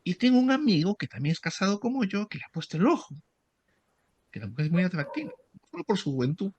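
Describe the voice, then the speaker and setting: A man's voice: high voice, big pitch swings, fast, a little mellow, slightly rough, muffled recording, pitched above the performer's own voice, exaggerated voice. A man acting out the words of a nervous married male patient who confesses hesitantly and apologetically. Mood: worried.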